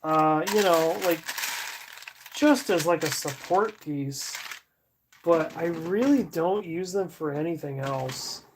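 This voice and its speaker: A woman streamer chatting casually as she sorts, thinking aloud with fillers and soft laughs. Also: deep voice, slow. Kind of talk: casual livestream chat while sorting. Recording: audible background noise.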